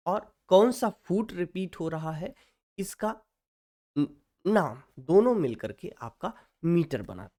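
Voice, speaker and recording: A man teaching an English literature lesson in Hindi mixed with English. He keeps checking with his students and slows right down to dictate definitions. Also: a little high, a little mellow. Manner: mixes Hindi and English, keeps asking "ठीक है".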